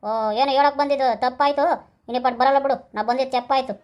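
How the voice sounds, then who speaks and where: A village neighbor man, played by a woman in a comic skit, quick and high for a man. He chides and reasons earnestly, wagging a finger at a drunk's rowdiness. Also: flat delivery, highs cut off, close to an everyday voice. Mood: chiding. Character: reproachful male village neighbor.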